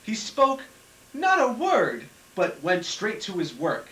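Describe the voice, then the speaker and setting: A man reading a Christmas poem aloud at home in a lively storytelling way, with chatty asides, heard on an old home VHS tape recording. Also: sits high, takes it slowly. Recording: echoey room, far from the camera mic, faint hiss.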